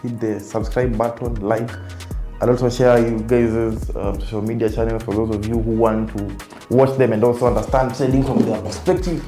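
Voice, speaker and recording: Kenyan male podcast host, mellow tone, roomy studio sound, casual advice-giving chat. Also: mid-range voice, little pitch movement, normal speed, soft background music. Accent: Kenyan English. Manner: mixes Swahili into English. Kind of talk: casual round-table chat.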